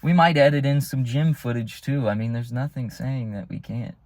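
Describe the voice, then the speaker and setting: This clip has a mellow, medium-pitched male voice at an ordinary pace. It's a young guy in his car, loosely chatting to viewers he calls bro in an easygoing, meandering monologue.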